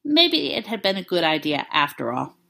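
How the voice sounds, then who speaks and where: A woman narrating fan fiction aloud in a calm, even storytelling manner. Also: on the low side, moderate pace, gravelly.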